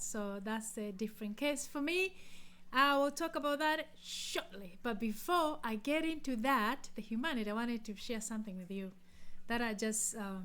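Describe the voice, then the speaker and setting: Chatty woman host, a little high. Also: smooth. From Tanzania. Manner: chatty, with many fillers and restarts. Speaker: podcast host. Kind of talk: casual storytelling to camera.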